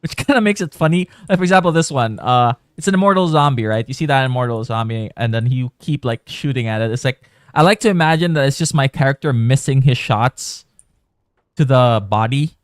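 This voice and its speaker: A man's voice: medium pitch, a little fast, clear, resonant tone, no room sound. Chatty man streaming a game, dry sound. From Philippines. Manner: chatty, rambling, thinking aloud. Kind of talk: casual live gameplay commentary.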